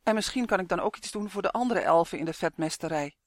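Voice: medium pitch, quick pace, no echo, lightly acted. A reader voicing a bold human boy in a storybook, answering diplomatically and with a mocking edge, in a dry recording. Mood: reassuring. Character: human boy hero, bold and quick-witted.

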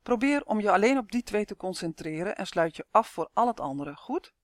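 A reader voicing Chance, a calm, wise woman who patiently explains souls, in an audiobook, recorded dry and close. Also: medium pitch, fairly quick, dry recording, close to an everyday voice. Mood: apologetic. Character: calm wise female soul-rescuer explaining. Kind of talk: audiobook character voice.

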